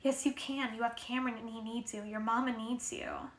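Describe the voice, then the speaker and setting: A woman's voice: a little high, fairly even intonation, brisk, natural voice. A woman reading aloud and voicing a caring, firm working mother at a clinic, affectionate but scolding. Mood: soothing. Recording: roomy echo.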